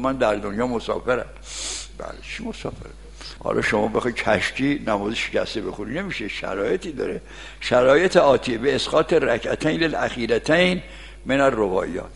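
An older man, a cleric, teaching religious law in a folksy way, with lively anecdotes. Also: mid-range voice, gravelly. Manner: folksy, lively storytelling, frequent "yes".

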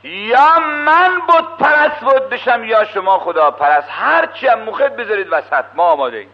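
A man voicing a solemn prophet who calls out to idols, chanting Arabic phrases and declaiming loudly, on a dull old radio recording. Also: very high voice, lively intonation, pitched above the performer's own voice. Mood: proclaiming.

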